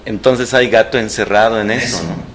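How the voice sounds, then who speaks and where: A man's voice: fairly low pitch, moderate pace, slight background noise. A man with a Mexican accent in the audience, jumping in to explain assertively. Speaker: audience member. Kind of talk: casual discussion. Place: lecture room. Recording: echoey room.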